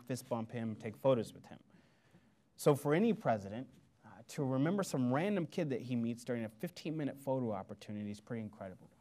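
A man from Missouri gives a motivational speech to a lecture audience. He tells his story with energy and acts out the quoted lines in lively voices. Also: medium pitch. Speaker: guest speaker. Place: lecture hall before an audience.

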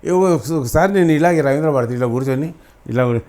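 Middle-aged male actor, interview guest; passionate, emphatic, slightly raised pitch. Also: fast talker, darkish tone. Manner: fervent, repeats phrases for emphasis. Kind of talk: emotional interview answers.

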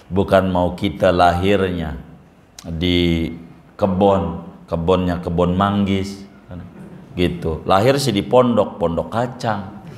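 A middle-aged man preaching a sermon, firing rhetorical questions and joking asides. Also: lowish voice. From Banten, Indonesia. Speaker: Islamic preacher. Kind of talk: sermon to a congregation.

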